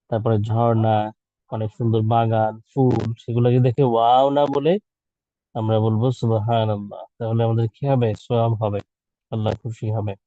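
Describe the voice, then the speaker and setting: A man's voice: medium pitch, warm tone, no room sound, lo-fi sound. Patient man teaching letter sounds. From Bangladesh. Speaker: Quran teacher for children. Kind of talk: online class lesson.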